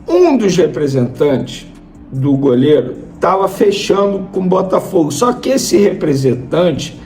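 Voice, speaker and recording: A Brazilian man hosts informal football news in a distinctly high-pitched voice. He stresses his opinions, repeats key points and poses questions that he answers himself. Faint noise sits behind the speech. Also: mellow. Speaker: football news YouTuber, host.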